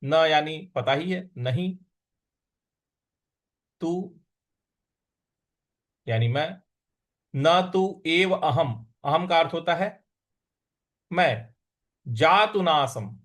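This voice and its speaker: A man with a fairly high voice leads a recitation lesson, drawing out each syllable of a scripture verse at a very unhurried pace. He chants whole lines in a measured, sing-song way, then explains in plain Hindi speech. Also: animated, fairly bright tone. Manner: drawn-out chanting of verses between quick explanations. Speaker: Sanskrit recitation teacher.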